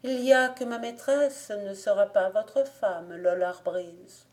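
A woman reading an audiobook voices a young servant girl whose speech goes from teasing to high, frantic pleading. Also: slow, darkish tone, lightly acted. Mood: mock-tearful. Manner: high-strung, pleading, rising to frantic cries.

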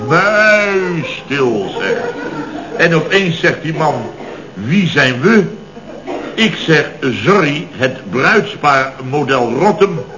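Very animated yet slow-paced, a slightly high male voice with a Netherlands Dutch accent brings to life a blustering, middle-aged, put-upon building contractor boss. In this 1970s radio comedy, he indignantly spins out long stories of mishaps with exasperated emphasis. The old radio recording sounds dull.

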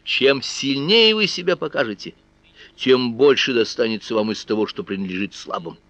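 A man's voice: mid-range voice, animated, moderate pace, a bit bright, dry recording, close to an everyday voice. A man voicing a commanding conqueror king who rallies his troops in a declamatory tone. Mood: rousing. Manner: rousing, declamatory. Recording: dull, slightly muffled recording.

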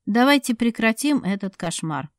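A woman voicing a calm grown man who asks questions in a slow, measured, soft way. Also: fairly high pitch, dry recording, studio quality, close to an everyday voice.

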